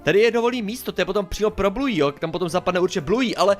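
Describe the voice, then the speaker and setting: A young man chatting excitedly through a game as a YouTuber, exclaiming and mildly swearing as he plays. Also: high voice, faint music behind. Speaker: gaming YouTuber. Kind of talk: casual game commentary.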